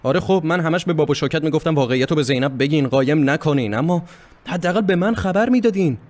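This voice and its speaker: A man's voice: a little high, expressive, darkish tone, lightly acted. A man dubbing a puzzled, anxious young husband in a Persian dub of a Turkish drama. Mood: worried.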